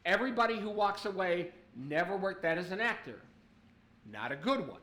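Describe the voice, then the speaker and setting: A male comic tears through a profane, sarcastic rant. His voice sits high and bright. The studio around him sounds roomy and echoey. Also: very animated, moderate pace. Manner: profane, sardonic storytelling. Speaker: stand-up comedian. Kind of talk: stand-up comedy rant. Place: recording studio.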